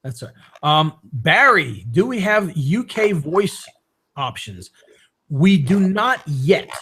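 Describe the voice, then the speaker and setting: A man hosting a live webinar, pitching a membership and answering viewer questions in a casual, upbeat way. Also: a bit bright. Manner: casual, upbeat, with fillers and quick jokes. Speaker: webinar host.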